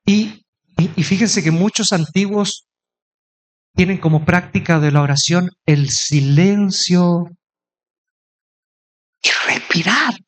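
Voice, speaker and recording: Middle-aged male preacher, high-pitched, conversational sermon delivery. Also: slow pace, pauses often. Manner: conversational preaching with playful mimicry.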